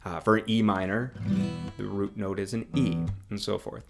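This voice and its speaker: Gravelly-voiced man teaching guitar singing. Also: fairly low pitch, normal speed. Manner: relaxed explaining, demonstrating on guitar, hums along with notes. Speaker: music teacher. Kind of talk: casual guitar and singing lesson. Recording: guitar playing under the voice.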